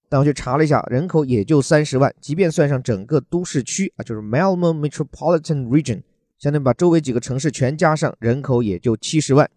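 A man's voice: mid-range voice, dark tone, no room sound. A man from China, teaching English words from a news article in a chatty, joking way and spelling words out letter by letter.

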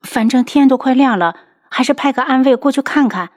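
Woman doing a high, agitated young princess. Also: a little fast, lightly acted. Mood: worried. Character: quick-tempered young pregnant princess.

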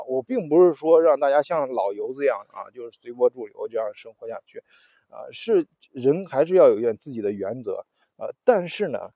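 A man's voice: mid-range voice, mellow, no room sound. A man hosting a casual solo talk show, rambling with many restarts and fillers. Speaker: podcast host. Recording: dull, lo-fi audio.

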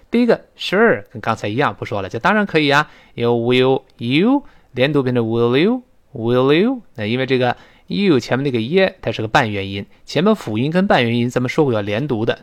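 A man teaching spoken English with a Chinese accent, explaining slowly and drilling words again and again. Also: mid-range voice. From China.

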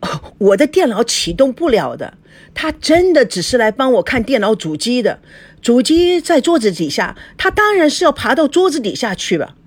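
A flustered male manager, read by a woman, pleads and soothes in an eager, placating voice. The delivery swings up and down in pitch. It sounds a little husky. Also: sing-song, unhurried, darkish tone, full character voice. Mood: pleading.

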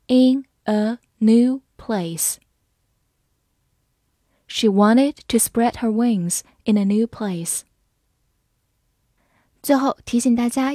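Woman, vocabulary teacher, mellow tone, unhurried scripted delivery that spells words out letter by letter. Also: a little high, no room sound, studio quality. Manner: spells words letter by letter and reads example sentences slowly.

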